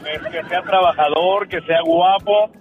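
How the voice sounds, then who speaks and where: A man's voice: high voice, steady tone, measured pace, narrow, tinny audio, noisy background. A man calling a radio show while driving, cheerful and flirty with the host. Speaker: caller. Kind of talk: phone-in chat.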